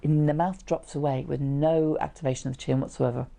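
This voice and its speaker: A middle-aged woman sits in a small indoor room and explains to camera how to read facial expressions, keeping it conversational and informal with short examples along the way. Her voice is low, steady and warm with vocal fry, moving a little fast.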